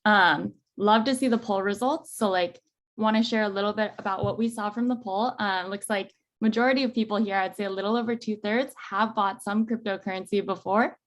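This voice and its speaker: A woman's voice: medium pitch, fairly even intonation, brisk. Friendly woman co-hosting a webinar, loose fillers. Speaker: webinar co-host, product manager.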